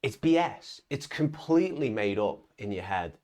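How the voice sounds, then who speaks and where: Fairly low and darkish, with a sing-song lilt at a moderate pace, this young man's voice delivers a casual, emphatic motivational talk about online business for his viewers, peppered with "right?" and stumbling restarts.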